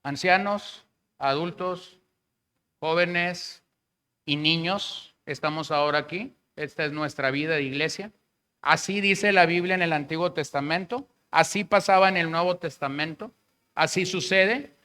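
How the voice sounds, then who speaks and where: A man's voice: on the high side, a little slow, sharp tone, clean tone. A man with a Mexican Spanish accent preaching a sermon as pastor, in a conversational way, acting out the words of the people he quotes.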